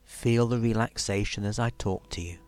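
A man leading a guided relaxation in a soothing, measured way, leaving long pauses between instructions. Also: lowish voice, steady tone, a little mellow. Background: music.

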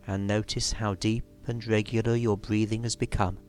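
A man leading a guided relaxation in a soothing, measured way, leaving long pauses between instructions. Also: fairly low pitch, little pitch movement, darkish tone. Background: music.

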